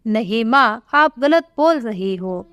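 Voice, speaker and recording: A furious grown son hurls harsh rebukes at his wife in a storybook reading, as a woman puts him on. The voice stays high and unhurried. It sounds close and dry. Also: expressive, fairly bright tone, clear, resonant tone, no room sound. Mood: angry. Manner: harsh, scolding. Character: angry grown son defending his mother.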